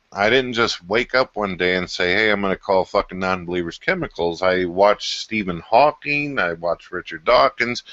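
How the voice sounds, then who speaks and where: A low-voiced American man with a Missouri twang argues in a sharp, forceful tone. He is colloquial and swears as he debates. The sound is a muffled, lo-fi call. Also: no room sound. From Missouri, USA. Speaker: caller. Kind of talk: casual heated debate.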